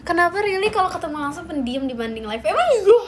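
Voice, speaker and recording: A woman's voice: sits high, lively intonation, quick pace, fairly bright tone, slight background noise. A young woman hosting a casual livestream, chatting playfully with viewers, reading comments and giggling often. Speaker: livestream host.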